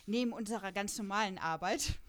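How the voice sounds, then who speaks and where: This podcast host has a German accent and a medium-pitched, brisk way of speaking. She talks casually about an audio drama series with a playful, self-mocking humor.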